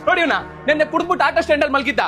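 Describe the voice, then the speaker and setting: Man, North Karnataka Kannada accent, mock-heroic rant, high voice, very fast, loud music behind. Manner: fast rhetorical ranting with refrains. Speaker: bar owner in a comedy skit. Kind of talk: mock-heroic film-style speech.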